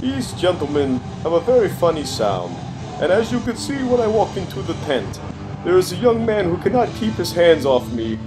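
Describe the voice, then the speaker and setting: A man's voice: high voice, sing-song, normal speed, low-quality recording. An older man giving comic narration over videos in a grumpy, folksy, complaining way with dry exaggeration. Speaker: comic commentator. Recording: music behind the voice.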